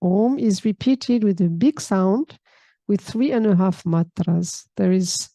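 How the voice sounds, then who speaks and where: A woman, teaching a calm, reflective spiritual talk and often checking in with a soft hmm. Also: mid-range voice, slow, no echo. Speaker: yoga teacher. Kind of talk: spiritual talk reading and explaining a text.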